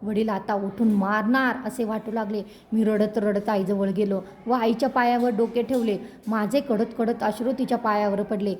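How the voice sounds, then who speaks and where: A woman narrating a storybook in a measured, expressive reading. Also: mid-range voice, a little hiss or hum.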